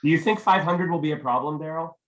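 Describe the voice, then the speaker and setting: A man, a little hoarse, chatting casually while setting up a video call as host. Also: on the high side, fast talker, a bit bright, low-quality recording. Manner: chatty, easygoing, mutters while working. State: losing his voice. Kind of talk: casual Zoom tech check. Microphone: computer mic on video call.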